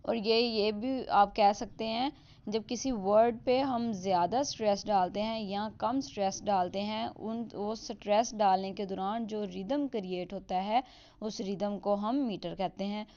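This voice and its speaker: A woman with a smooth, clear voice explains a lesson step by step. She mixes English terms into her Hindi and reads the example lines slowly. The recording sounds a little dull and lo-fi. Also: mid-range voice, a little mellow. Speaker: teacher.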